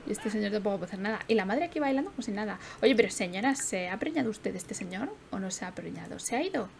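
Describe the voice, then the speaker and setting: A young woman chats through a life-sim stream with a mid-pitched voice. She sounds a little worn out, laughs easily and swears in casual asides. A faint background noise runs beneath her. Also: expressive, fast, vocal fry. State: tired. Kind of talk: casual gameplay commentary.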